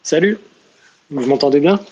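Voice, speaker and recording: A man's voice: a little high, normal speed, a little mellow, muffled recording. A man on an online call through a headset, his audio crackling with static, asking questions as he checks his sound. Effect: crackling static on his audio line. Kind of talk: casual chat.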